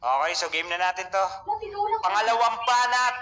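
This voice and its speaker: A man's voice: sits high, expressive, moderate pace, bright, forceful tone, roomy sound, far from the mic. A man hosting an online rap battle, hyping the crowd and counting down the rounds. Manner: hyped announcer, counts down rounds. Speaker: host.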